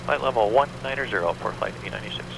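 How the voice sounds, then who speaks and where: Gravelly co-pilot man on cockpit headset. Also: on the low side. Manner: brisk clipped aviation phrasing. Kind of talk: cockpit callouts and radio calls. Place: small jet cockpit in flight. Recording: engine noise in cockpit.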